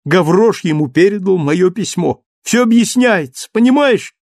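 A man voicing a frantic, passionate young man who shouts in impassioned outbursts in an audiobook reading. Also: high voice, expressive, normal speed, dry recording, studio quality, voice pushed up. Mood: frantic excited.

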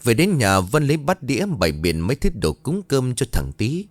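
A man narrating a scripted ghost story with a measured storytelling cadence. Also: medium pitch, sing-song, no echo.

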